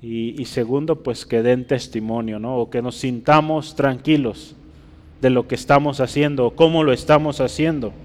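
A man preaching a teaching sermon, often asking the congregation for agreement and pausing to write on a board. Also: medium pitch, fairly even intonation, a little mellow, long reverb tail. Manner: teaching, rhetorical questions, asks listeners for agreement; writes on a board while speaking.

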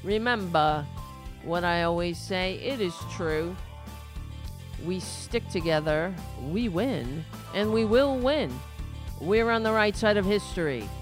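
A woman's voice: fairly low pitch, lively intonation, slow, music in the background. A woman hosting a live political show, delivering an emphatic rally speech in short, declarative slogan phrases.

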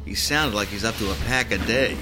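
A man's voice: fairly low pitch, brisk, sharp tone, faint music behind. A man voicing a grumpy veteran tech repairman with a sarcastic, mocking manner.

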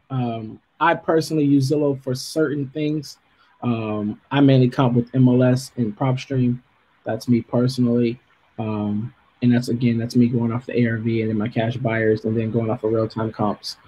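A husky-voiced man hosting a livestream from his office. He talks in a loose, slangy, easygoing way and reads out viewer questions. His pitch sits in an ordinary middle range. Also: fairly even intonation, moderate pace. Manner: slangy and laid-back, shouts out viewers. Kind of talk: casual chat.

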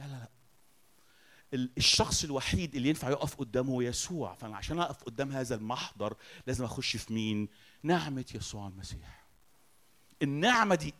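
A man with an Egyptian Arabic accent preaching a sermon. He asks the congregation questions and answers them himself, moving between loud declarations and soft, quiet lines. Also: mid-range voice.

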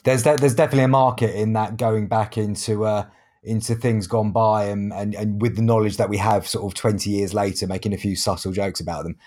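A man's voice: lowish voice, fairly even intonation, a little fast, a little mellow. A man hosting a podcast in a chatty, self-deprecating, casual way. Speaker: podcast host.

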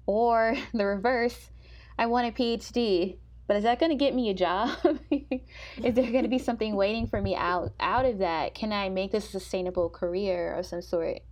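Young woman, podcast co-host, soft comforting voice, casual chat, frequent laughter. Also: mid-range voice, moderate pace.

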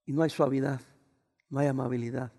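Pastor preaching in a reverberant church. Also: male voice, mid-range voice, steady tone, fairly quick, vocal fry. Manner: preaching with raised voice, swinging to soft asides. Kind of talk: sermon. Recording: long reverb of a church hall.

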